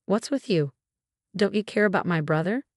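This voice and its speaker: A woman's voice: medium pitch, lively intonation, normal speed, dry recording, clean studio sound, natural voice. A woman reading the lines of a cruel, dismissive husband who scolds his wife.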